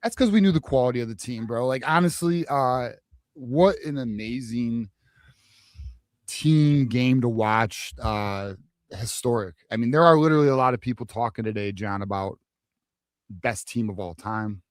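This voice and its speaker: A man's voice: medium pitch, moderate pace, no echo. A man co-hosting a casual fan sports show, hyped and emphatic, repeating phrases and using slang.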